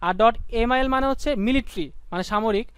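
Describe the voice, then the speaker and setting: A young man with a Bangladeshi Bengali accent teaching a live online class, calling on students to shout answers and drilling points by repetition in a playful way. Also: extremely high pitch, fast, smooth, no room sound. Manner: playful, slips into sung lines and mock phrases.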